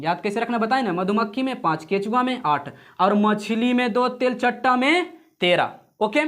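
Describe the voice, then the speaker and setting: A man's voice: high voice, fairly bright tone. A man teaching an exam-prep lesson, repeating points over and over and calling viewers "friends". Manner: repetitive drilling, addresses viewers as friends; explains memory tricks with jokes and sung snippets. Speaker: coaching teacher.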